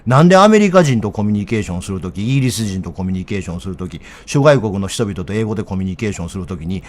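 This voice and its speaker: Blunt Kansai man, very animated pitch. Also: quick pace. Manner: blunt, rough-spoken, heated. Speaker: political commentator. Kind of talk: casual political commentary.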